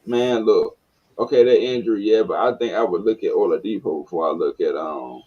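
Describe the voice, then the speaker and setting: A man with a Southern American accent hosting a casual sports chat, excitable and slangy, often laughing. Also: on the low side, a little fast, breathy edge, muffled recording. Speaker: sports talk show host.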